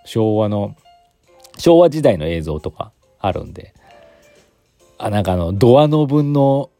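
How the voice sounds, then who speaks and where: A man's voice: lowish voice, very animated, unhurried, dark tone, no echo, faint music behind. Chatty forties man with an Aichi accent. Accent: Aichi Japanese. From Aichi, Japan. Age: 40s. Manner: chatty, rambling with many fillers. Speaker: podcast host. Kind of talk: casual solo chat.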